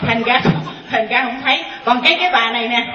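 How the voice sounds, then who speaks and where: Chatty nun in an echoey hall. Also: female voice, on the high side, quick pace, crowd noise. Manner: chatty, hesitant restarts, laughs as she tells it. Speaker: Buddhist nun asking her master. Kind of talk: storytelling in a question-and-answer session. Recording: roomy, dull sound from far off.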